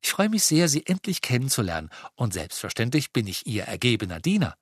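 A man's voice: medium pitch, sing-song, brisk, breathy edge, no room sound, clean studio sound. A man voicing a polite, dreamy teenage boy who speaks in a formal, flowery way, eager to please. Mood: courtly, eager.

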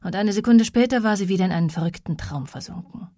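A woman narrating an audiobook in a steady, measured storytelling manner, close to the microphone. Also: mid-range voice, dry recording. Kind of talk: scripted narration.

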